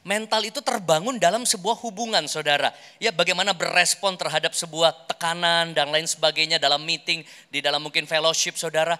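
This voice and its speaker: A man's voice: fairly high pitch, fairly even intonation, a little fast, hardly any pauses, pushed and bright. A man preaching in a conversational way, often addressing his congregation directly and acting out short everyday examples. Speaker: pastor giving a workshop talk. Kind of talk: animated sermon teaching. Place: large hall, speaking to an audience. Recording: echoing hall with long reverb.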